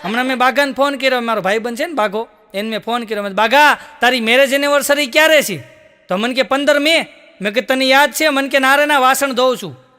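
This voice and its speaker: A man's voice: extremely high pitch, fast, sharp tone, clear, resonant tone. A man telling stage jokes, acting out the lines of each character and laughing between punchlines. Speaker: stand-up comedian. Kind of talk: Gujarati joke-telling stage show. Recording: long hall reverb.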